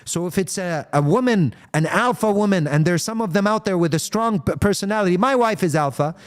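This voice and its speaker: An Islamic speaker, a man with a high, expressive voice, talks briskly and with a clean tone. On a live stream he speaks passionately about faith, responds to viewers' comments, and blends English with Arabic phrases and rhetorical questions.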